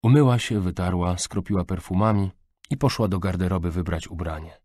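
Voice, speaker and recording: A man reading a novel aloud as an audiobook narrator, measured and even, into a close studio mic. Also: deep voice, dry recording. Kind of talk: scripted narration.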